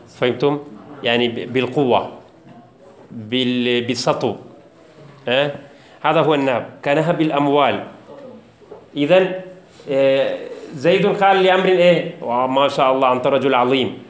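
A man's voice: medium pitch, normal speed, long pauses, reverberant. Sheikh quizzing his class. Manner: repeats key phrases and quizzes students, jokes. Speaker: teacher of Islamic theology. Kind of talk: classroom text lecture.

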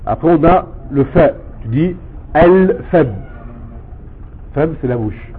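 A man teaching a language lesson, explaining patiently step by step and repeating words slowly for his student. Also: on the high side, husky. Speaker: Arabic teacher. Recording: tinny phone-like sound with faint noise.

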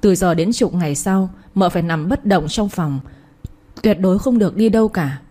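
Woman reading as a calm old village healer man. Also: on the low side, moderate pace, lightly acted. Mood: grave. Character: elderly male village herbal doctor, calm.

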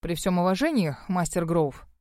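A woman's voice: lowish voice, lively intonation, moderate pace, a little mellow, dry recording, pitched below the performer's own voice, close to an everyday voice. A woman plays a clueless, timid young man who is always lost in the conversation. His voice is bewildered and slightly whiny. The sound is dry and close, like a storybook recording. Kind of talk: audiobook character voice.

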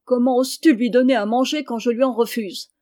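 A woman's voice: fairly high pitch, fairly even intonation, a little fast, dark tone, natural voice. A woman reading the part of a stern, harsh peasant father who scolds and mocks his sons. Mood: scolding. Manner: gruff, scolding, mocking.

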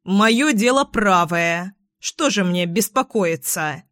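A woman voicing a hot-tempered male sparrow who shouts and complains indignantly in a storybook. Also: medium pitch, animated, slow pace, no room sound, clean studio sound. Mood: huffy.

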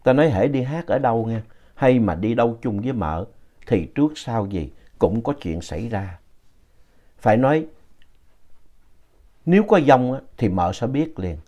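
A man narrating a ghost story in a slow, retelling manner. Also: medium pitch, expressive, mellow.

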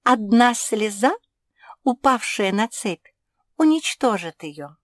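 A woman voicing an anxious little female pug who pleads in a high, urgent voice. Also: expressive, takes it slowly, no room sound, clean studio sound. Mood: anxious pleading.

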